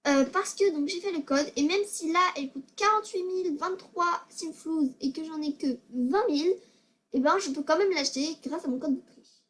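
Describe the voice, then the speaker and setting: A woman's voice: sits high, moderate pace. A female gaming video maker giving casual tutorial commentary, hesitant and self-conscious, often stammering and repeating words.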